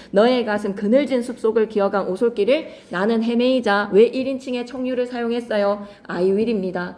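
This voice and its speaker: A woman teaching a poetry lesson to students, lively, switching between polite and casual speech and acting out lines dramatically. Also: on the high side, roomy sound. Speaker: Korean literature teacher. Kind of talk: classroom lecture on poetry.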